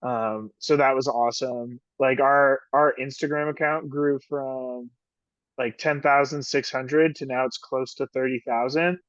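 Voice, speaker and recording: A man's voice: medium pitch, steady tone, unhurried, fairly bright tone, clear, resonant tone, no echo. A man and ski patroller in a casual interview, rambling with many fillers and frequent laughs. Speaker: ski patroller and union officer. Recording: dull dry lo-fi call audio.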